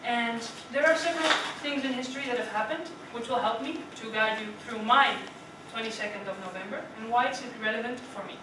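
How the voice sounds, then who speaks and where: This young Dutch woman, pitched on the high side, speaks a little fast with few pauses as she gives a prepared speech to her club. She chats, quizzes the audience, and often adds "right?". The meeting-room recording is far-off, reverberant and noisy.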